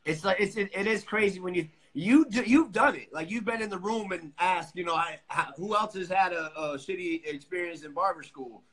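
A man with a high, bright, forceful voice talks loosely and agreeably, with plenty of slang. He comes in as a guest on a video call. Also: brisk, hardly any pauses, breathy edge, rough recording. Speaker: co-host on live stream. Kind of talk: casual live chat.

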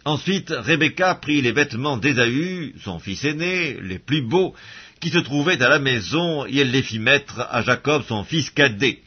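Male Bible narrator; measured, breathy tone, muffled recording. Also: mid-range voice, expressive. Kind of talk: audio Bible reading. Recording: dull lo-fi audio.

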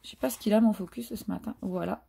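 A woman craft vlogger talks quickly in a mid-range voice with vocal fry, with background noise behind her. She chats casually through a craft haul show-and-tell, hesitant and full of fillers.

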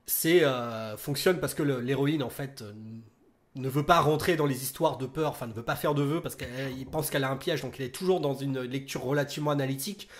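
A man's voice: medium pitch, brisk. A man in his thirties talking casually about films as a critic, hesitant, with many fillers and restarts. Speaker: film critic. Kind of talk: casual film discussion.

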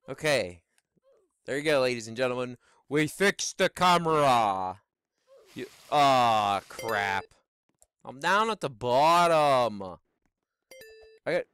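A middle-aged man doing Let's Play commentary on a headset mic in a small home room, exclaiming and shouting as he plays. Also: fairly high pitch, clean tone, no room sound. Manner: excitable, exclaims and shouts while playing. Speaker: gaming YouTuber.

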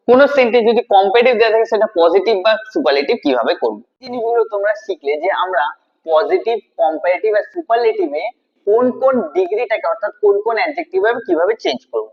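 A man's voice: high-pitched, creaky, muffled recording. A man teaching an English grammar lesson to students, asking questions and then answering them himself, repeating key words. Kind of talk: classroom-style video lesson.

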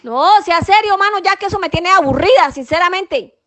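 A woman's voice: very high-pitched, lively intonation, moderate pace, a bit bright. A woman playing an exasperated scolding coastal mother. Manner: nagging, scolding, cursing. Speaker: sketch actor. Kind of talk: comedy sketch acting.

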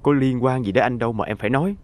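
An actor as a cool, aloof young husband. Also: male voice, mid-range voice, racing, close to an everyday voice. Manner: calm, flat and aloof.

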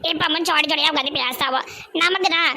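A woman's voice: high-pitched, bright, forceful tone. A woman voicing a chatty, generous middle-aged village aunt with a Tirunelveli Tamil accent. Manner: gossipy, fast chatter.

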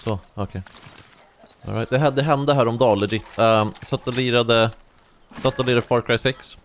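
A young man giving casual let's-play commentary, chatty and slangy, telling stories excitably while he plays. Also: medium pitch, slight background noise. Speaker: gaming YouTuber.

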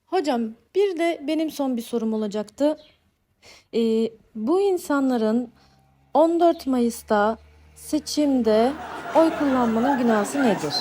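A woman's voice: high-pitched, lively intonation, takes it slowly. A woman playing a hesitant, naive advice seeker in a comedy sketch. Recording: noisy stage recording.

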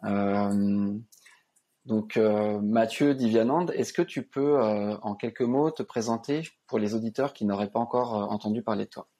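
A man hosts an interview over a video call, using earphones in a room indoors. His voice sits on the low side, and his phrasing is halting and full of fillers. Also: dark tone, a little hiss or hum. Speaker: host. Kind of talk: casual interview talk.

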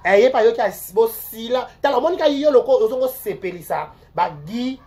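Gossip pours out of an online show host with a Congolese accent: rambling, animated, word-repeating, moving between loud outbursts and mutters. The voice sits at medium pitch and runs a little fast.

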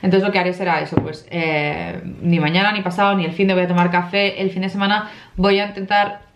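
A young woman chats casually to camera, rambling through a story with many fillers and asides. She sounds worn out from little sleep and talks at a fast clip. The room around her is noticeably echoey. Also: lowish voice, steady tone, muffled recording, background noise. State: tired from lack of sleep. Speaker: vlogger. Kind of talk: casual vlog chat.

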